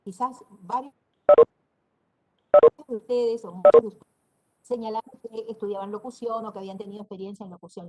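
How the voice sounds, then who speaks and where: Lecturer, female, northeastern Argentine accent, husky, mid pitch, demonstrates sounds while explaining. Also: rough recording. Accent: northeastern Argentine Spanish. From Corrientes, Argentina. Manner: explanatory, demonstrates pronunciations aloud. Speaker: university lecturer. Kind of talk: online class lecture.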